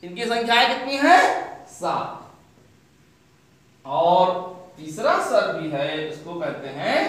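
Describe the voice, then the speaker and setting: A man's voice: very high voice, a bit bright. A man teaching a grammar lesson, asking his class questions and answering them himself. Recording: very echoey room.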